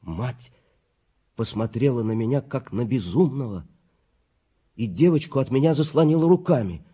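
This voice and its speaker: A man reading a first-person literary story aloud in a grave, measured storytelling manner. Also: medium pitch, lively intonation, dark tone, slightly rough. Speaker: narrator. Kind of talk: scripted literary narration.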